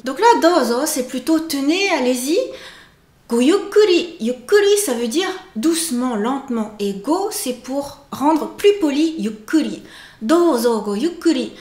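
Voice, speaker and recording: A woman teaching a casual video lesson, playful and expressive, stretching out her sample words. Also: high-pitched, reverberant. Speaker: Japanese language teacher.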